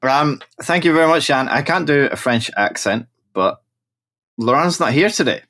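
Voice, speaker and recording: A man joining a chess podcast as guest, joking in a deadpan way. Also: medium pitch, moderate pace. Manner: deadpan, jokey. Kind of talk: casual podcast chat.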